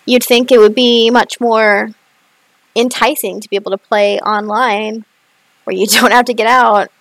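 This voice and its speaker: A woman co-hosting a podcast, talking casually and excitedly with lots of fillers and big swings in pitch. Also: a little slow, dry recording, rough recording. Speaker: podcast co-host. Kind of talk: casual chat. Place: rural area, far from a city.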